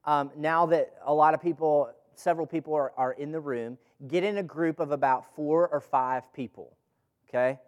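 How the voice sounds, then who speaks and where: Through dull audio, a man with a slightly high voice can be heard speaking at normal speed. He leads a gathered group's Bible study with scripture reading, preaching in a casual, conversational manner full of rhetorical questions and emphatic repetition.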